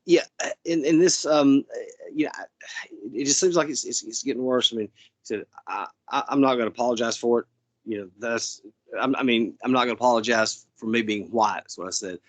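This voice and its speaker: A man chatting casually as an interviewer, giving opinions in a halting, stammering way with repeated words. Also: mid-range voice, dry recording.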